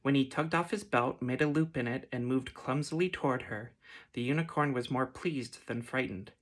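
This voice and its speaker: A man reads a fantasy storybook aloud in a soft, gentle ASMR manner. His voice sits at an ordinary middle pitch and stays unhurried. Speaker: reader.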